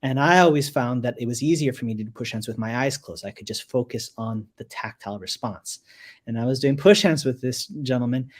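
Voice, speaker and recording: A man in his forties telling a story in a relaxed, talkative way, often repeating words as he goes. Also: mid-range voice, a little fast. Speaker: resident kung fu master. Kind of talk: casual storytelling on a live show.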